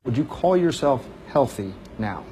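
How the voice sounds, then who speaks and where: A man's voice: medium pitch, big pitch swings, a little slow, warm tone, slight background noise, poor audio. A male interviewer asking direct, probing questions.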